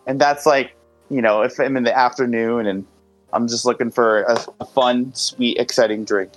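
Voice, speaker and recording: A man in his twenties from Greater Boston, a singer-songwriter guest talking casually in an unhurried, easygoing way. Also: medium pitch, faint music behind. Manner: relaxed, unhurried, drawn-out explanations with fillers. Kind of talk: casual interview chat.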